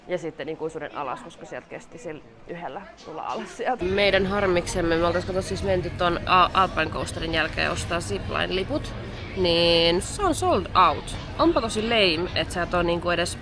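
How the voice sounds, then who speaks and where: A young woman from Finland chatting casually in a travel vlog outdoors at an amusement park, excitable and slangy, mixing in English words, recorded on a handheld camera. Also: on the low side. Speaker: travel vlogger.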